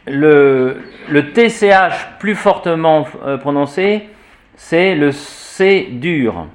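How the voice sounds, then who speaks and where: Slow, measured male pronunciation teacher. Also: on the high side, expressive. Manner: spells out letters and repeats example words slowly, with frequent fillers. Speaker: teacher of church Latin pronunciation. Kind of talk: classroom lesson.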